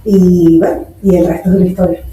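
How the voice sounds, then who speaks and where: A woman's voice: lowish voice, little pitch movement, a little fast, dark tone. A woman in her forties from Nicaragua, telling her story earnestly in a podcast interview and mixing in English terms. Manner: earnest, anecdotal, code-switches English terms. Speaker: guest entrepreneur. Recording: echoey room, distant mic.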